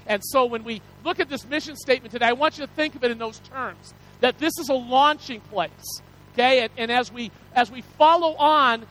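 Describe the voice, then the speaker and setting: A man's voice: extremely high pitch, fairly bright tone, rough recording. A male pastor giving a folksy, rambling sermon, self-deprecating and full of restarts and asides to the congregation.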